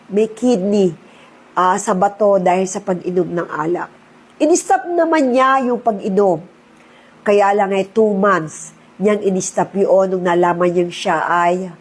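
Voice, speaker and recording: A woman's voice: medium pitch, husky. A middle-aged woman, giving a personal testimony in an earnest, preachy and emotional way. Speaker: insurance agent sharing testimony.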